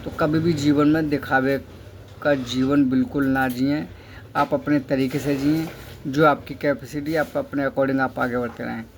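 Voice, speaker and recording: A man's voice: mid-range voice, fairly even intonation, unhurried, slight background noise. A man giving a motivational talk, instructing listeners step by step, asking questions and answering them himself, and repeating key phrases for emphasis. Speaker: motivational speaker.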